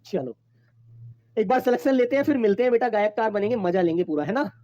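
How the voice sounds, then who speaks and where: Casting: male teacher, warm dark tone, dry close sound, slightly dull lo-fi audio, affectionate and repetitive with students. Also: high-pitched, fast, no room sound. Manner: addresses students fondly as children, repeats points. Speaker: Hindi teacher. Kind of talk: online exam-prep class. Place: online class recording.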